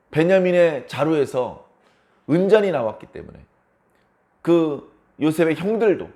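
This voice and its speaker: A male pastor giving a dawn service sermon with a fairly high voice. He tells the story like a drama, voicing the people in it. His pitch and volume rise and fall sharply as he goes. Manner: dramatic storytelling, acting out quoted lines with big swings in pitch and loudness.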